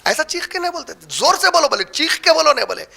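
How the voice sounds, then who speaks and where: High, bright-voiced male preacher. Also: very animated, vocal fry. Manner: asks rhetorical questions and answers them; explains terms step by step. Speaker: Islamic preacher. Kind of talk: religious lecture on prayer rulings.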